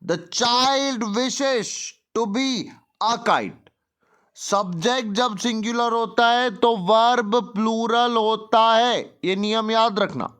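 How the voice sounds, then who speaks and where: High-voiced Indian tutor, slow and clear. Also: male voice, a bit bright. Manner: explains in Hindi and reads English lines slowly; repeats words and asks quick rhetorical questions. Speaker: English tutor. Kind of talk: worksheet lesson for young children.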